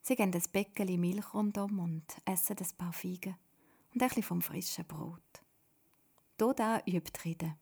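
A woman with a Swiss German accent narrating a children's story in a gentle reading manner. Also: lowish voice, moderate pace, vocal fry, breathy edge.

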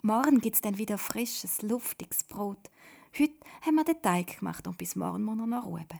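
A woman with a Swiss German accent voicing a gentle, proud village mother in whispered role-play. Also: mid-range voice, steady tone, measured pace, gravelly, slightly rough. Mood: content.

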